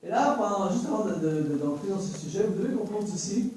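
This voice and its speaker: A man with a Canadian French accent, from French Canada, preaching to a worship team in a lively, joking way, repeating key phrases. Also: sits high, fast, a little hiss or hum. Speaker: worship teaching speaker. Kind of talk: sermon. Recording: very echoey room, voice from far off.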